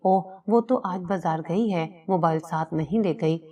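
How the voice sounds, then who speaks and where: A woman reads an anxious middle-aged mother guarding a family secret in a spoken story. Her speech is hurried and nervous, pitched low. The voice sounds a little distant from the mic. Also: mellow, natural voice.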